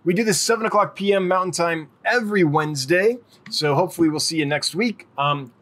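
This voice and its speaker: A man's voice: high-pitched, fairly quick, fairly bright tone. A middle-aged man hosting a casual live-stream Q&A, chatty and friendly, rambling as he answers viewers' questions. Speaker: livestream host.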